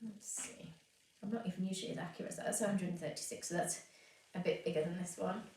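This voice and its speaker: Talking fast in a fairly low, slightly mellow voice with a steady tone, this woman runs a live home cake-decorating tutorial. She's sniffly from hay fever and chatty, narrating her work with plenty of fillers. The audio is distant and roomy, with a little background noise.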